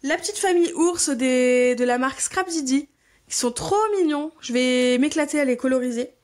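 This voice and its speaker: A woman's voice: sits high, normal speed, darkish tone. A woman hosting a scrapbooking channel, chatting casually and enthusiastically as she unboxes and admires craft supplies. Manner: gushing, enthusiastic, repeats her delight.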